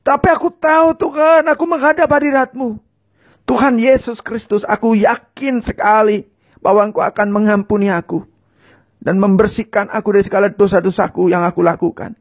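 A man's voice: high voice, fairly even intonation, normal speed. A man preaching and leading viewers in a fervent prayer, giving short lines for them to repeat. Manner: speaks in tongues.

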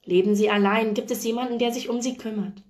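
A woman voicing a frail, tender old widow in a hospital bed, speaking slowly and gently. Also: a little high, steady tone, lightly acted. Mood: worried.

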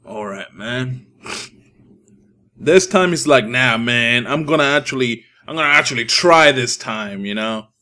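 Over game music, a young man of Dominican background narrates his own online match for his YouTube channel, swearing and trash-talking casually. He speaks a little slowly, his medium-pitched voice expressive, pushed and bright.

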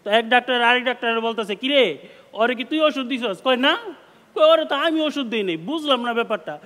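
A man's voice: very high-pitched, lively intonation, fairly quick, sharp tone, in a large hall. A man telling stand-up jokes. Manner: storytelling jokes in village dialect. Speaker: guest comedian.

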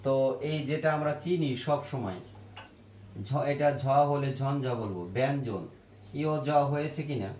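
A man teaching a grammar lesson at a board, repeating each word slowly to drill how it is pronounced. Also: mid-range voice, a little mellow. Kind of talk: classroom grammar lesson at a whiteboard. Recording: echoey room with faint ambient noise.

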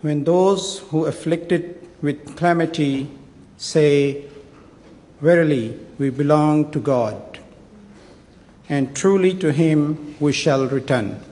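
Middle-aged man, very slow, measured, solemn prayer, long reverb of a big chamber. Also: a little high, dark tone. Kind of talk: formal translation and prayer. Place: large parliament chamber. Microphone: stand microphone. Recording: long reverb of a large hall.

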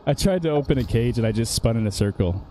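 A man playing a video game and bantering casually, joking and laughing often, reacting loudly to the game. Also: mid-range voice, animated, brisk. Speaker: gaming streamer. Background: game music.

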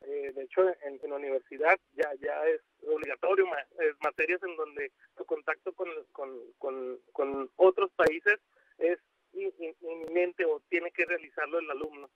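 A Mexican man being interviewed by telephone, speaking haltingly with many restarts and fillers. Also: fairly high pitch, steady tone, dry recording. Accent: Mexican Spanish. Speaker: university outreach coordinator, interview guest. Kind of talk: phone interview on radio. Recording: muffled dry phone line.

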